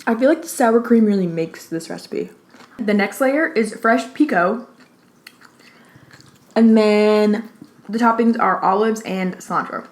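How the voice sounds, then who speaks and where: A woman hosting a mukbang, chatting informally with lots of "like", pausing to take bites and chew, slightly out of breath. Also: medium pitch. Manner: informal, peppered with "like". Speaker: mukbang host. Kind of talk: casual chat while eating. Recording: roomy, echoey indoor sound.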